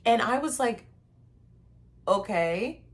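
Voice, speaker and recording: A woman's voice: fairly high pitch, slow pace. A young woman telling a story in a casual, heated rant to the camera, acting out what others said. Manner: animated, heated, acts out quotes. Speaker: content creator.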